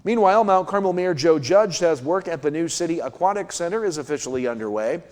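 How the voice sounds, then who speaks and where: A man's voice: on the high side, expressive, fairly quick, a little mellow. American man reading local news, long reverb. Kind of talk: scripted local newscast reading.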